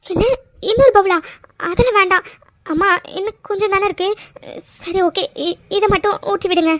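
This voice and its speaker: A woman's voice: very high voice, moderate pace, a bit bright, dry recording. A woman voicing Mithra, a playful, sulky young wife. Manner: playful, whiny. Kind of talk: cartoon voice acting.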